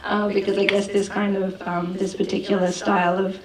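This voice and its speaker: A filmmaker, a woman, fields audience questions at a festival Q&A at a moderate pace. Her medium-pitched voice keeps a level tone as she works through answers thoughtfully, often restarting and using fillers. The mic sits far away in a large, echoey hall with noise from the crowd.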